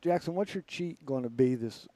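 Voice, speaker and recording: A man's voice: medium pitch, expressive, normal speed, mellow, no room sound. A man hosting a sports radio show, asking friendly, conversational questions. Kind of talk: radio interview.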